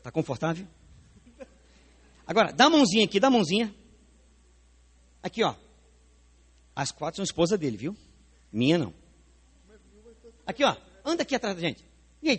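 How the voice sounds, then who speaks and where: A high-pitched, slightly rough voice belongs to a pastor with a Brazilian Portuguese accent preaching in a church sanctuary. Animated throughout, he puts on a live demonstration and asks the congregation pointed questions.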